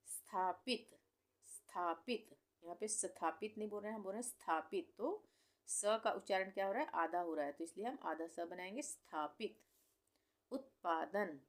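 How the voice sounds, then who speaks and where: Woman teacher, kinda low voice, says every word slow and over again, asks the learner little questions. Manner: repeats each word slowly, stretching syllables; patient, explanatory questions to the learner. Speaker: Hindi teacher. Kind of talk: slow instructional reading lesson.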